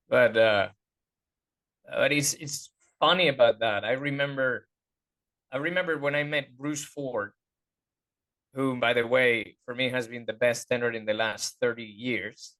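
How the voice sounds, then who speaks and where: A man talks through vocal anatomy in a loose, unscripted interview, stopping often to find the right word. His voice sits in an ordinary middle pitch. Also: takes it slowly, long pauses, fairly bright tone. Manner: hesitant, searching for words, many fillers. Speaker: guest voice teacher. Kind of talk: casual interview chat.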